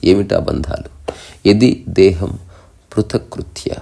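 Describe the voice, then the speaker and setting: A deep-voiced man giving a spiritual discourse, his tone low and gravelly with a dark, mellow color. He chants Sanskrit verses slowly and then explains them plainly, like a teacher.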